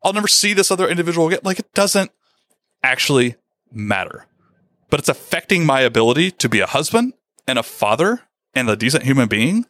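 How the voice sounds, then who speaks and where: A man's voice: fairly high pitch, sing-song, brisk, a bit bright, dry recording, clean studio sound. A man co-hosting a podcast in a casual chat, telling a candid personal story with self-deprecating humor. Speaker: podcast co-host.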